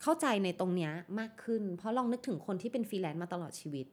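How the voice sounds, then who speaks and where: Lively candid woman telling stories. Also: medium pitch, fast. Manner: candid storytelling, mixes in English words; acts out her past strict voice when quoting herself. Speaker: guest artist. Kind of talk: casual podcast interview.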